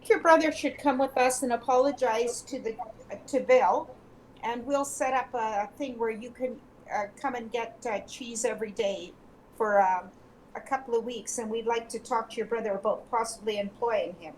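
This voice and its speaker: A woman's voice: fairly high pitch, normal speed, rough recording. A woman playing a tabletop role-playing game, talking casually and in character. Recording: clear background noise.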